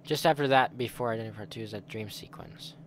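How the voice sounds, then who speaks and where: A man's voice: on the low side, quick pace, a little hiss or hum. A man hosting a gaming channel, giving casual let's-play commentary and reacting aloud to the game and his chat.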